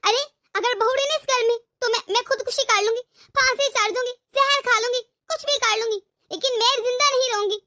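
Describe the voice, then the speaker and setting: A woman's voice: extremely high pitch, fairly even intonation, a little fast, few pauses, pushed and bright. A woman voicing a stubborn, domineering older mother-in-law in a cartoon, scolding and threatening. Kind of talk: cartoon voice acting.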